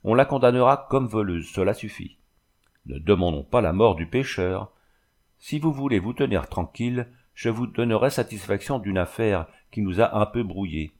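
A man voicing a kindly, gently firm village priest who coaxes and scolds like a father, in a storybook reading. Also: lowish voice, animated, moderate pace. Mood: persuading. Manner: coaxing, paternal scolding.

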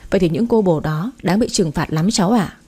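A woman reading the part of a stern, scheming older mother-in-law who lectures and warns, in a dark, mellow voice. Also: fairly low pitch, brisk, husky. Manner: lecturing, warning tone.

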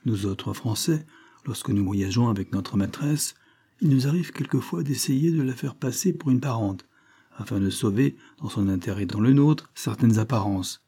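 A polite, uneasy Parisian gentleman, voiced by a male reader in a storybook reading, a bit lower and quieter than the narration. His dark, husky tone is reserved and measured. He answers with careful courtesy.

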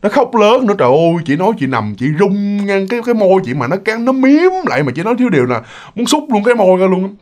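Guy telling a ghost story, chatty, lots of filler words, voice goes up and down a ton. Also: sits high. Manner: animated, lots of fillers and exclamations. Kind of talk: casual spoken storytelling.

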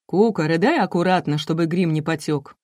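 Lady doing a syrupy smarmy tv host guy, gushy and flattering, slightly low. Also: fairly quick, dry recording, studio quality, lightly acted. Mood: gushing, smarmy. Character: smarmy gushing male TV host. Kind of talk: audiobook reading.

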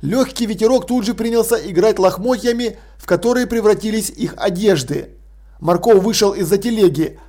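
A man reading an audiobook in an expressive narrating voice. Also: sits high, moderate pace. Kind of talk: scripted narration.

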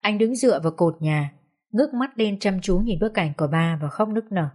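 A woman reading a social drama story aloud in a calm, measured way. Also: mid-range voice. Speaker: story reader. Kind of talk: audiobook narration.

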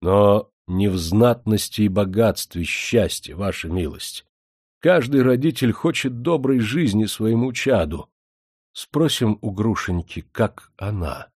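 A man reading a storybook, voicing a stern but humble old widowed father who speaks in a slow, deferential way. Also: fairly low pitch, expressive, darkish tone, husky, dry recording, clean studio sound, full character voice. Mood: measured, coaxing.

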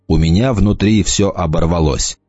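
A man reading an audiobook in a lively storytelling manner. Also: low-pitched, moderate pace, no echo, faint music behind. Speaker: audiobook narrator. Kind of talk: scripted narration. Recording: dull lo-fi dry recording.

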